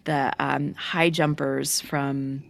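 A woman's voice: extremely low pitch, level tone, very slow, vocal fry. A woman co-hosting a podcast, chatting enthusiastically about feel-good stories. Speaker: podcast co-host. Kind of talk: casual chat.

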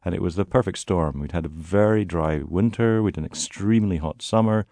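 Wry articulate guide guy being interviewed, gravelly low voice, dry close sound. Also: fairly quick, mellow, no room sound. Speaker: tour guide guest. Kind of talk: conversational interview.

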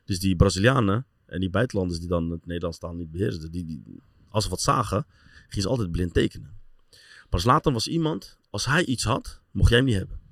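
A middle-aged man, telling football stories in casual talk and acting out scenes with a voice that jumps high as he laughs. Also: a little fast, no room sound, studio quality. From Netherlands. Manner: animated storyteller, voice rises high when acting out scenes, laughs often. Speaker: former footballer and assistent coach telling stories.

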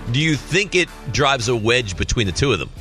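A man's voice: mid-range voice, lively intonation, a little fast, bright, forceful tone, soft background music. A man hosting a sports radio show, teasing his co-host and announcing bracket matchups with frequent laughter.

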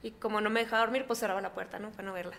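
A woman's voice: mid-range voice, rapid-fire, gravelly. A young woman with a Mexican accent, chatting casually as a guest and acting out the voices in her stories. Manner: chatty, animated retelling with quoted voices. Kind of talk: casual storytelling. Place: coworking space.

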